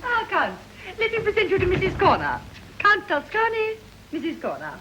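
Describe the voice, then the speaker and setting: A high, swooping English woman's voice an affected titled lady in stagey 1930s movie style. She coos genteelly, with light hiss from an early talkie soundtrack. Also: wildly swooping pitch, normal speed, heavily acted. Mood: polite, cooing. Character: affected titled society lady, smooth matchmaker.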